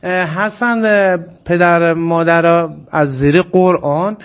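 High-pitched man with an Isfahani accent. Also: steady tone, clean tone. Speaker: interview guest. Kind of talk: radio interview conversation.

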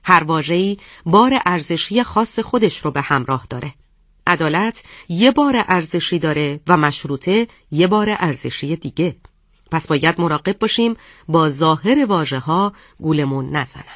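A narrator reading a scripted radio segment in a measured, didactic manner. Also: mid-range voice, animated, fairly bright tone, dry recording, studio quality.

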